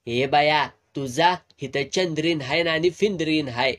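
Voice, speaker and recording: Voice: mid-range voice, measured pace, fairly bright tone, lightly acted. A narrator voicing a scolding old village woman. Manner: scolding, rough rural speech.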